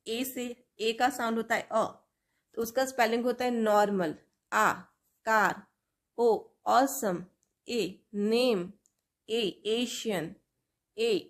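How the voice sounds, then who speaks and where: A woman teaching English phonics, drilling letter sounds and example words one at a time. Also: a little high. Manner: slow, drawn-out word-by-word drilling of sounds. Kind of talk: phonics lesson for learners.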